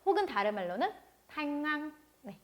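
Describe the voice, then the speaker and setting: High-voiced woman teaching a language lesson. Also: sing-song. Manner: patient, repeats words slowly for learners to follow. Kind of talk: online language lecture.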